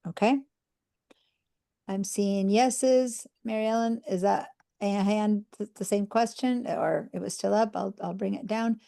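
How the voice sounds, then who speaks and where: Unhurried and steady, an Argentine teacher speaks in a warm, medium-pitched voice with vocal fry during a live online computer class. She patiently leads students through each step, using fillers and checking in along the way.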